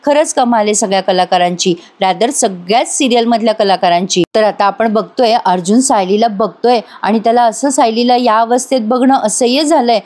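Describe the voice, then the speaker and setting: A woman's voice: on the high side, moderate pace, few pauses, a little mellow. A woman narrating a voice-over recap of a TV serial, chatting with her viewers and addressing them directly. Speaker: TV serial reviewer.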